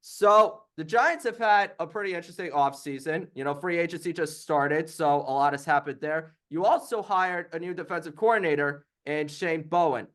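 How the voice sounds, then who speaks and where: A man's voice: fairly high pitch, fairly bright tone. A man co-hosting a sports podcast, eager and upbeat as he asks questions. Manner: upbeat, eager, quick to react. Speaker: podcast co-host.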